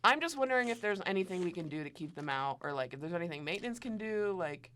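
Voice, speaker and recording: Chatty young woman co-host, low voice. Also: lively intonation, fast, a bit bright. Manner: chatty, storytelling with quoted asides. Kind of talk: casual chat.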